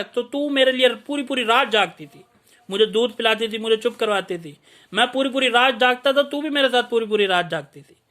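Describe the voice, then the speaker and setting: A man's voice: extremely high pitch, pushed and bright. A man voicing a grown son who tearfully and repeatedly begs his mother's forgiveness.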